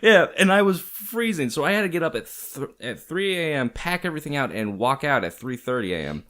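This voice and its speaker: A young man, a podcast guest, telling a camping story in casual chat. He is animated, swears often and laughs as he talks. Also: a little high, fairly quick.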